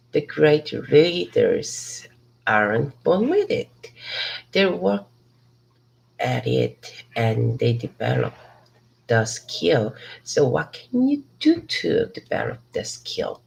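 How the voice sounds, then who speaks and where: This woman's voice is slow, low, gravelly and a little mellow. Originally from Hong Kong with Cantonese as her native language, she's an ESL student rehearsing a motivational speech in a city park, halting and restarting to correct herself. The audio is poor, with slight background noise.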